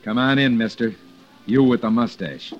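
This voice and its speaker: A man's voice: mid-range voice, moderate pace, soft background music, lightly acted. An actor playing a hard-edged man on the run after a false accusation, in clipped, insistent old-time radio drama style. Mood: confrontational. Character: hard-edged male fugitive wrongly accused. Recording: dull lo-fi old radio recording.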